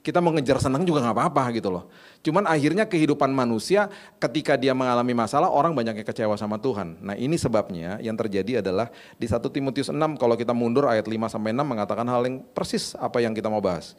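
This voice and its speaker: A man's voice: medium pitch, fast talker. A middle-aged man, preaching a sermon in a casual, conversational way and acting out stories. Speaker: pastor.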